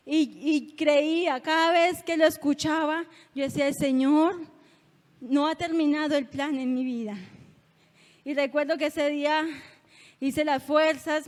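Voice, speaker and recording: A young woman with a high, light voice tells her faith testimony in a halting, emotional way, often stumbling and restarting. Her words ring out with the long reverb of a church sanctuary. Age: young adult. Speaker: church youth member giving testimony.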